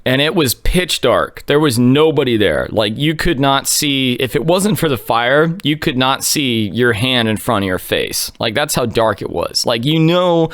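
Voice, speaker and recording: A man telling a story in a laid-back, casual way, full of likes and you-knows, on a close mic in a small quiet room. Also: mid-range voice, animated, unhurried, few pauses, no echo.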